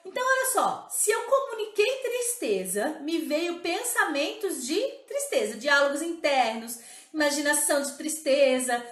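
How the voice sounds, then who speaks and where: A woman's voice: very high-pitched, fairly bright tone, roomy sound. A woman teaching in a live-streamed talk as a motivational coach, emphatic and often checking in with her listeners.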